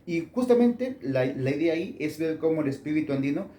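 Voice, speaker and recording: A man answers academic questions, pausing often and restarting his sentences. His voice is mellow and dark. It is recorded in an echoey room with faint ambient noise. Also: fairly high pitch, expressive. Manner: thoughtful, many fillers and restarts. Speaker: author being interviewed.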